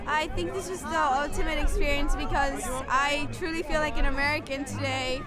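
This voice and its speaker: A woman from the Dominican Republic speaks casually in a very high voice. She is recorded outdoors, with a loud crowd and music around her. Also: steady tone, normal speed. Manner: casual, with "like" and "you know" fillers. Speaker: event attendee. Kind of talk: street interview.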